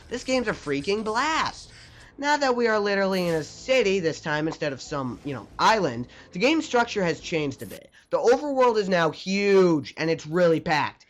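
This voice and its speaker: A man's voice: high-pitched, fairly bright tone, a little hiss or hum. A young man narrating a scripted video game review, enthusiastic and jokey with mild swearing. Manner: enthusiastic, jokey, mildly profane.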